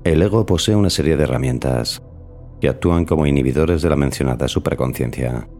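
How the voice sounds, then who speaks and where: A man hosting a podcast in measured, formal, scripted narration. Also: very deep voice, a little mellow, faint music behind. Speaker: podcast host.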